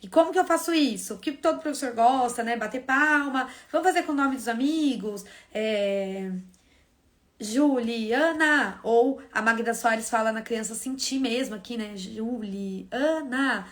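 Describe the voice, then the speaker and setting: A woman's voice: a little high, moderate pace, hardly any pauses. Woman teacher explaining step by step. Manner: explains step by step and asks and answers her own questions. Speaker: teacher trainer hosting a live stream. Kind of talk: casual teaching talk.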